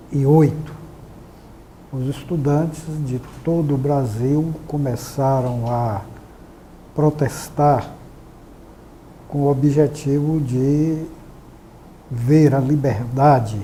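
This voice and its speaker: A man, giving formal, measured testimony about past events. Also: medium pitch, warm tone, slight background noise, poor audio. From Bahia, Brazil. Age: 60s.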